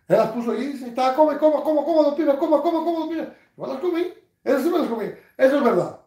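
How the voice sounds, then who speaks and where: High-voiced, mocking older man. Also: echoey room. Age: 60s. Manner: crude, mocking, laughs loudly at his own jokes. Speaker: livestream host. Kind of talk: casual livestream chat reading comments. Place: living room, seated on a couch at home.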